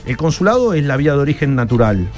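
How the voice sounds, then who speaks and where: A man's voice: medium pitch, sing-song, fast, darkish tone, soft background music. A man from Italy, a radio guest who explains citizenship matters with many restarts and repeated words. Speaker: guest advisor on Italian citizenship.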